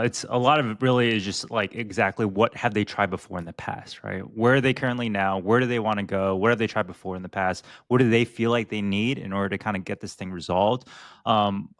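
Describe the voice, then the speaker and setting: Man, young adult, low voice, relaxed podcast co-host, many fillers, dry close-mic recording. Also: dry recording. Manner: relaxed, filler-heavy, lots of "like" and "right?". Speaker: podcast co-host, physical therapist. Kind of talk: casual business podcast chat.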